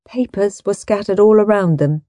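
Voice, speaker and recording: A woman narrating a children's audiobook in an expressive, playful manner. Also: medium pitch, normal speed, dry recording, clean studio sound. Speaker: audiobook reader.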